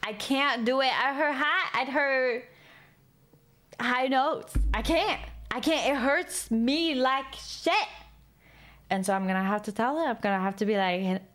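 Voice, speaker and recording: A woman chatting casually with her viewers, rambling, lively and laughing often. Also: sits high, unhurried. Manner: speaks in a lively way. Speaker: streamer.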